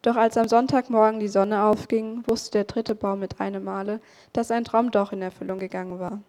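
A woman reading a Christmas story aloud in a calm, expressive way. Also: medium pitch, fairly quick. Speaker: story reader. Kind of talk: storybook narration.

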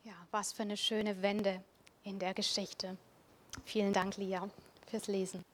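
A woman preaching a Christmas devotional in a quiet, reflective way. She speaks straight to the listener and often sinks into a soft, breathy near-whisper at the end of her thoughts. Her pitch sits in an ordinary middle range. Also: level tone, measured pace, slight background noise.

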